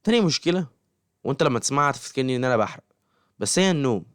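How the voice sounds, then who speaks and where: A man's voice: mid-range voice, animated, very fast, smooth, no echo, studio quality. A man with an Egyptian Arabic accent giving casual study advice straight to camera, often checking that the listener follows him. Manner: keeps checking in with the listener, talks straight at them.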